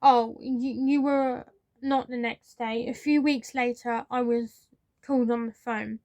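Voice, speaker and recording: A woman's voice: on the high side, fairly even intonation, unhurried, darkish tone, dry recording, highs cut off. A young British woman vlogger telling a personal story to camera in an earnest, candid way, with frustration coming through.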